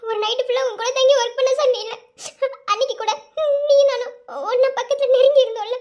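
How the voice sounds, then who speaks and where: Squeaky little cartoon girl voice w madurai tamil accent, whiny n giggly, scolds a lot , a woman doing it. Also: fairly even intonation, fast talker, a little mellow, dull audio. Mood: whiny tearful. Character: young woman, flustered and teasing. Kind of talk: cartoon voice acting.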